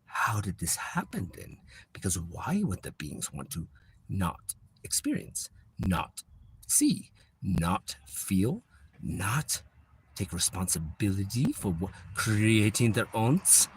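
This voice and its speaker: A man's voice: low voice, big pitch swings, unhurried, slight background noise. A man on a livestream, talking in a rambling, repetitive spiritual monologue that drifts into whispers now and then.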